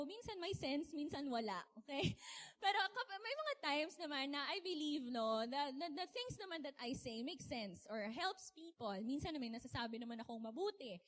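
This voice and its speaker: A young woman from the Philippines giving a chatty, animated sermon, laughing often and asking her audience questions. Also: sits high. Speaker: speaker. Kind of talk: casual sermon talk.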